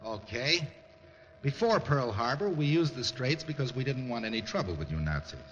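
A man's voice: mid-range voice, sing-song, moderate pace, natural voice. An actor playing a defiant working-class American merchant seaman, dry, folksy and insolent, in a mid-century dramatic style. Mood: dry, guarded. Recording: muffled old film sound, reverberant hall, hiss.

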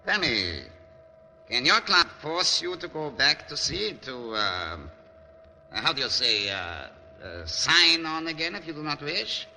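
A menacing Nazi lieutenant from a wartime drama with a German accent and a very hard, cutting voice. His English is formal and halting, swinging widely in pitch as he interrogates with icy courtesy. The sound is hissy and rings as in a large hall. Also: sing-song, pushed and bright, full character voice. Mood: probing, insistent. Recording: muffled old film sound, reverberant hall, hiss.

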